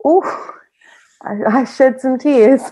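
A woman's voice: sits high, takes it slowly, warm tone, breathy edge. A woman guest on a podcast, talking in a casual, chatty way, with many fillers, and often quoting her own thoughts. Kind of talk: casual personal interview. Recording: slightly dull lo-fi audio.

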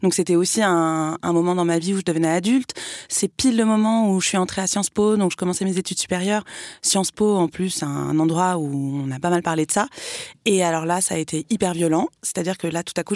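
A woman's voice: on the low side, darkish tone, no echo, clean studio sound. A young woman from France talking candidly at length, with many fillers. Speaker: guest. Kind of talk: casual conversation.

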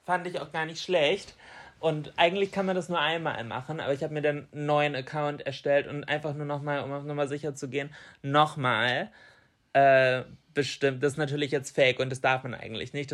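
A man's voice: medium pitch, a bit bright. A man chatting casually as a podcast co-host in an informal, colloquial way. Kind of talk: casual chat.

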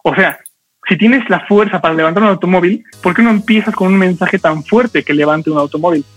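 A man coaching an audience on public speaking, talking fast and energetically with lots of rhetorical questions. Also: high voice, fairly bright tone, faint music behind, poor audio.

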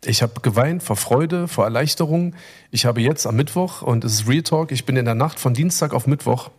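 A middle-aged man talks in a loose, rambling way, full of fillers and restarts. He tells his story with open emotion. His pitch sits in the middle of the range. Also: moderate pace, a little mellow, slightly rough. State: recovering from illness. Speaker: podcast co-host. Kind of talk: casual chat.

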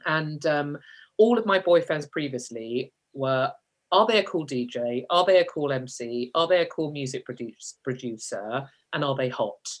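A woman's voice: rumbling low, expressive, normal speed. A woman, a guest telling personal stories in a chatty, self-mocking way and laughing often. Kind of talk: candid personal storytelling.

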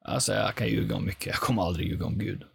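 Gravelly, husky man telling his life story. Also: lowish voice. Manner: earnest, animated storytelling with frequent fillers. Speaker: guest. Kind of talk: personal life story in a podcast interview.

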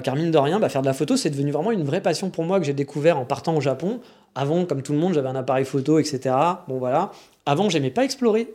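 A man's voice: on the high side, darkish tone. A man from France with a French accent, talking in a rambling, frank, slangy casual monologue. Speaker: vlogger living in Japan.

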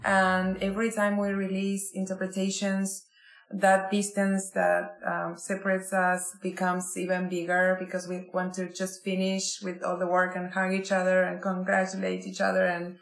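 A woman from Argentina talking as a guest in a casual interview, unhurried and laughing often. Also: on the low side, monotone, gravelly, reverberant. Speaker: guest designer.

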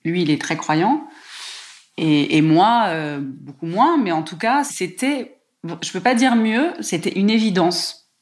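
A woman's voice: fairly low pitch, slow. Woman telling a heartfelt personal story. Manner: lively, emotional retelling with frequent hesitations. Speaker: guest telling her life story.

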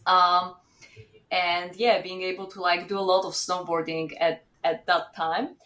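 Soft-pitched Polish-born woman with many fillers. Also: little pitch movement, measured pace. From Poland. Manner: hesitant, many fillers and restarts. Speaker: startup founder guest. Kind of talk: casual interview chat.

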